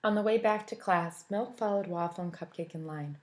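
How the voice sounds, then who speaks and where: Reading a picture book to a group of children, a teacher with a fairly low voice keeps things lively and animated and poses questions to them as she goes. She talks fairly quickly, and there's slight noise in the background.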